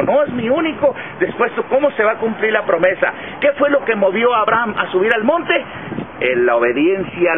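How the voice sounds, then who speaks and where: A middle-aged man preaching a sermon outdoors in a park, asking rhetorical questions and repeating phrases. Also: high voice. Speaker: pastor. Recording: tinny lo-fi sound with outdoor wind noise.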